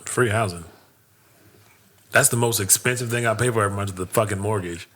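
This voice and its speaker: A man's voice: on the low side, a little fast, a bit bright. A man co-hosting a podcast, talking bluntly and playfully and swearing freely. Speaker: podcast co-host. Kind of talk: casual chat.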